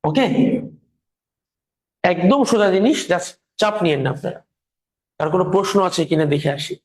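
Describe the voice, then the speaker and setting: High-voiced man teaching with a sore throat. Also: lively intonation. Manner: slow, patient, repeats examples. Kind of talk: online grammar lecture.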